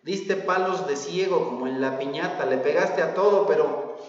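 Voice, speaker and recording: A man with a Mexican Spanish accent preaching a sermon, animated, full of rhetorical questions and acted-out quotes. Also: a little high, moderate pace, heavy reverb, long reverb tail, distant mic, muffled recording. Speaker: pastor. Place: church hall.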